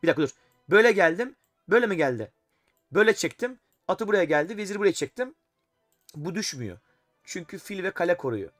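A man's voice: high-pitched, big pitch swings, quick pace, a bit bright, no echo, clean studio sound, soft background music. Exasperated man streaming live chess. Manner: talks to himself and chat while playing, exasperated.

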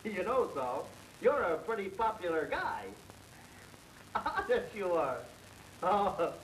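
An actor playing an eager young male reporter in an early sound film, fast and effusive, laughing between his lines. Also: high voice, sing-song, a bit bright, full character voice. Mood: flattering. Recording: echoey early-1930s film soundtrack with hiss.

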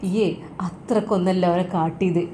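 A woman voicing an angry middle-aged father who scolds gruffly, in a Malappuram Malayalam accent. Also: on the low side, steady tone, normal speed, warm tone, a little hiss or hum, lightly acted. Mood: stern, scolding.

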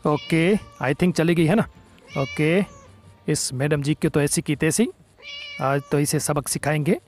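Excitable young man narrating gameplay. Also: a little high, takes it slowly, soft background music. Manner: excited, teasing, playful taunts. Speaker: gaming channel host. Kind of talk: gameplay commentary.

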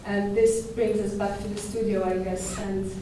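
A young woman curator giving a conference talk at a podium microphone in a dark lecture hall, measured and thoughtful with small hesitations and restarts. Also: mid-range voice, little pitch movement, slight background noise. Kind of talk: conference presentation. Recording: echoey hall from far off.

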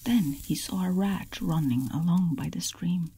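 A woman telling a bedtime folk tale as a whispered role-play, in a soft, unvoiced whisper. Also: fairly low pitch, a little slow, gravelly, breathy edge, low-quality recording. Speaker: ASMR storyteller.

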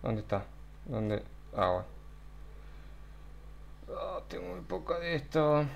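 A man, talking to himself while streaming a video game live from home, with loud outbursts and lots of swearing. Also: on the high side, animated, slow, gravelly, a little hiss or hum. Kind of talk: live gameplay commentary. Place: home, alone.

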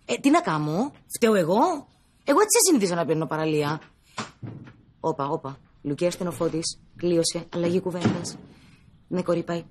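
An actress playing a chatty, stubborn Cypriot wife in a sitcom, speaking Cypriot Greek with animated, whiny complaints. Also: female voice, lowish voice, a little hiss or hum, natural voice. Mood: gossiping. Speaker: Christina, comic wife in a sitcom.

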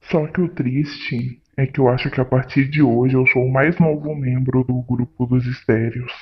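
A man's voice: medium pitch, steady tone, normal speed, husky, dull audio. A man hosting a casual prank vlog, talking in a playful, theatrical way. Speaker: prank vlogger.

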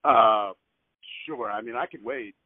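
A man making a phone call and leaving a voicemail, heard over a landline phone line. He speaks carefully and hesitantly, with frequent fillers, and repeats details and numbers slowly. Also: medium pitch, dry recording. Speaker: caller. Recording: tinny, dry phone line.

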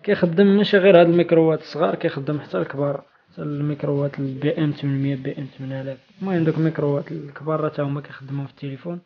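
A man's voice: on the high side, fairly even intonation, racing, slight background noise. A man with a Moroccan accent, hosting a casual, off-the-cuff giveaway announcement vlog for his channel. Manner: informal, off-the-cuff. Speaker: video channel host. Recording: dull, lo-fi sound.

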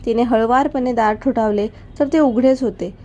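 A woman narrating an emotional family story in a steady, even reading voice. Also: a little high, normal speed, lo-fi sound.

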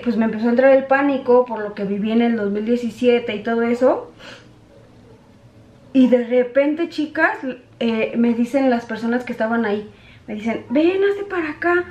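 A woman's voice: on the high side, a little mellow, roomy sound, highs cut off. A middle-aged woman with a Mexico City accent, chatting casually to her viewers while doing her makeup, with lots of fillers. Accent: Mexico City Spanish. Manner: chatty, addresses viewers as girls, many fillers. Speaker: beauty vlogger.

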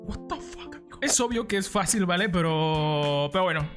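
Mexican dude playing a yandere game, swears a lot, yelps high when scared, quiet music in the back. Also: male voice, moderate pace. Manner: joking, excitable, swearing, jumps into high yelps. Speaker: gaming youtuber. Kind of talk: let's-play commentary. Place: room in his parents' house.

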